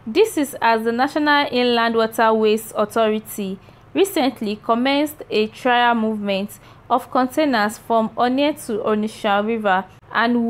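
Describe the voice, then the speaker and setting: A woman presenting an online news round-up, reading her script in an even, read-aloud way. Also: a little high.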